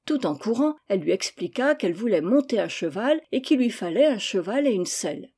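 A woman narrates a classic children's story in a calm, measured way. Her voice is mellow and unhurried, with a middling pitch. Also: breathy edge. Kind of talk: audiobook reading of a children's novel.

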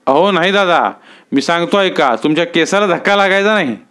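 A man's voice: sits high, a little fast, fairly bright tone, clear, resonant tone, pitched above the performer's own voice. A man reading a story aloud, voicing Dajiba, a blunt, scheming village man with rustic speech. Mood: insistent.

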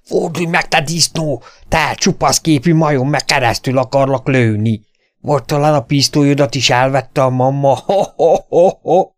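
A man voicing a loud, bull-necked saloon bully who jeers and shouts. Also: on the high side, very animated, creaky, voice pushed up. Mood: jeering.

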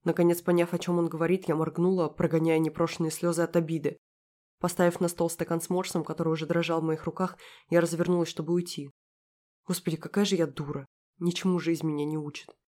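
A woman reading first-person audiobook narration in a quiet, intimate, emotionally engaged way. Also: deep voice, little pitch movement, fast talker.

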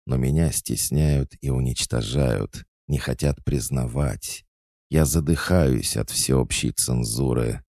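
A man's voice: rumbling low, slow pace, vocal fry, darkish tone, no echo, clean studio sound, heavily acted. Man playing a pushy teasing girl reporter. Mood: purring mock-hurt. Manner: mocking, teasing. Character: pushy tiny young female student journalist.

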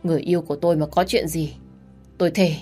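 A man's voice: fairly high pitch, fairly even intonation, fast, warm tone, soft background music, close to an everyday voice. A woman playing Quân, a frantic protective young man. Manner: urgent and commanding. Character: protective young man, fierce and frantic over his hurt lover.

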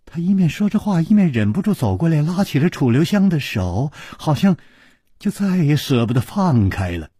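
A man's voice: fairly high pitch, big pitch swings, normal speed, dark tone, husky, no echo, studio quality. A man telling a martial-arts story in a dramatic, varied storytelling manner. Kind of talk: traditional storytelling.

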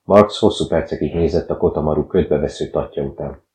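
Very deep-voiced male audiobook narrator. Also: a little mellow. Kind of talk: scripted narration. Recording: dull, roomy recording.

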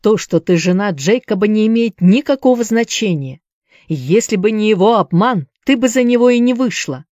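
A woman's voice: medium pitch, expressive, normal speed, a little mellow, dry recording, clean studio sound, lightly acted. A woman voicing a passionate young man who urges his lover to run away with him, insistent and urgent. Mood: urgent pleading.

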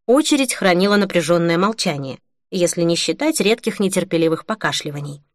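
A woman reading a novel aloud as an audiobook narrator, in an even, measured way. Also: fairly low pitch, dry recording, clean studio sound. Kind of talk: scripted narration.

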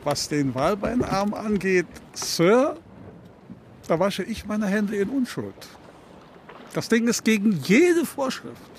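A fussy, high-voiced ship's doctor. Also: male voice, gravelly, a little hiss or hum, exaggerated voice. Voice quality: prim and defensive. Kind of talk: radio drama acting.

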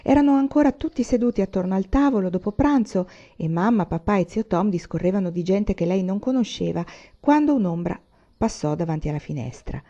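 A woman reading a novel aloud in a steady, measured way. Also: medium pitch. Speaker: audiobook reader. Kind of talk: audiobook reading. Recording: muffled lo-fi recording.

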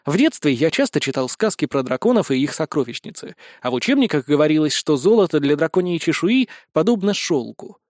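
A man narrating a first-person comic fantasy audiobook in an earnest, naive, even tone. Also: a little high, a little fast, hardly any pauses, no echo. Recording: dry close studio voice.

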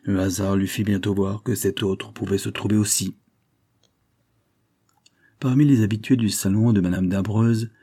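A man's voice: warm tone, slightly rough. A man reading a classic novel aloud, lifting his voice for the characters' dialogue. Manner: voices characters' dialogue with raised pitch and force. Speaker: audiobook reader.

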